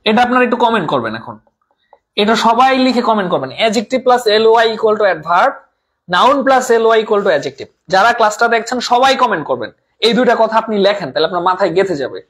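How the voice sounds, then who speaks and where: A man's voice: sits high, very animated, a little fast, fairly bright tone, breathy edge. A man teaching a live online class, repeating terms, asking and answering his own questions, and mixing English words into his talk. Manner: reads out viewer comments.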